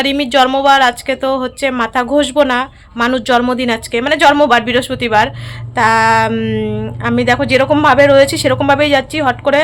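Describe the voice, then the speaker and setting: High-voiced, hurried mother vlogging. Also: fairly bright tone, slight background noise. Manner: hurried, chatty, many fillers. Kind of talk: casual vlog narration.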